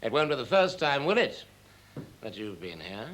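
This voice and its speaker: A man's voice: on the high side, sing-song, moderate pace, fairly bright tone. An actor playing an impatient, theatrical stage director who bosses his cast through a rehearsal in a 1970s televised stage drama. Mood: bossy, excitable. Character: fussy, excitable stage director running a rehearsal.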